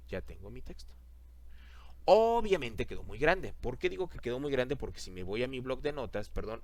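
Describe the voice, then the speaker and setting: A man teaching a software lesson over a screen recording, talking the class through each click and repeating the steps. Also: fairly low pitch, no room sound.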